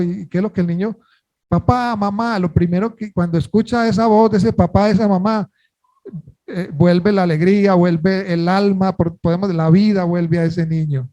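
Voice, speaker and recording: A man with a high voice and a mellow, warm tone preaches a sermon. He keeps asking the congregation questions and then answers them himself. He leans on important words by drawing them out slowly. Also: highs cut off. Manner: earnest, stresses key words by slowing down.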